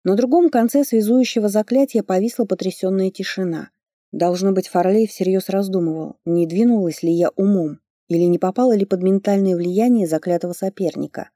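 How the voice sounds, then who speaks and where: Woman narrator for first-person fantasy audiobook; lively delivery, warm dark timbre. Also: mid-range voice, brisk, dry recording, clean studio sound.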